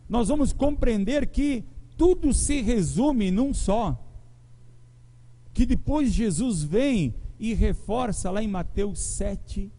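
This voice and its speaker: Animated high-voiced preacher. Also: male voice, low-quality recording. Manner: animated preaching, leads the congregation in reading aloud together. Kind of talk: sermon to a congregation.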